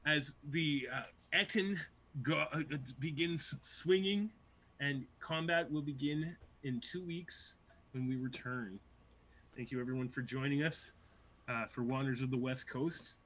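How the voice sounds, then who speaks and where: A man's voice: mid-range voice, a little slow, a bit bright, a little hiss or hum, rough recording. A man narrating a tabletop game as its game master.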